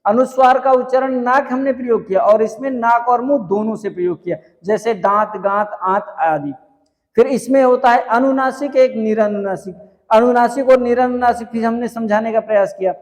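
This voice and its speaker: A male teacher giving an exam-prep grammar lecture, asking questions and answering them himself and repeating key points slowly. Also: extremely high pitch, big-room sound. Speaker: Hindi teacher.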